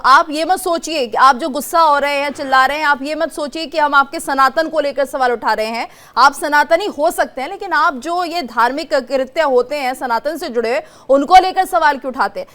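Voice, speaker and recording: A woman moderates a live television debate with a notably high voice. She speaks firmly and presses her panelists with pointed questions, cutting in to keep order. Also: a bit bright. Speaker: news debate anchor.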